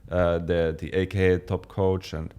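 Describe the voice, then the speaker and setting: A young man from Finland chatting casually as a fitness channel co-host, relaxed, with many fillers and restarts. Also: deep voice, measured pace, smooth. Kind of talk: casual chat.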